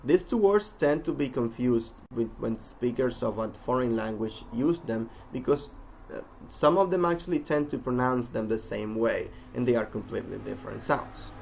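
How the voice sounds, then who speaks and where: A man teaching English pronunciation in a recorded lesson, speaking deliberately and slowing down to model each example word. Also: mid-range voice, vocal fry, darkish tone, slight background noise, rough recording. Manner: deliberate, demonstrates sounds slowly with example words.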